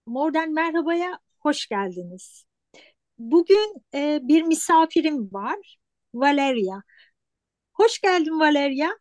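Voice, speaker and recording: A woman's voice: sits high, very animated, takes it slowly, pauses often, darkish tone, no echo. A woman hosting a casual interview, asking her guest questions. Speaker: host, interviewer.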